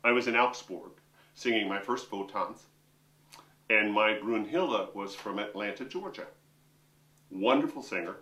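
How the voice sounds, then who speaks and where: A middle-aged man, both opera singer and vocal coach, gives a jokey, conversational lesson to camera in a piano room, his fairly low voice pushed and bright. The mic sits at a distance, so the sound is roomy.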